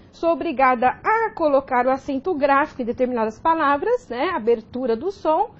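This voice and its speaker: A woman's voice: high-pitched, lo-fi sound. A woman teaching grammar in a recorded video lesson, explaining step by step and checking in with frequent "ok?".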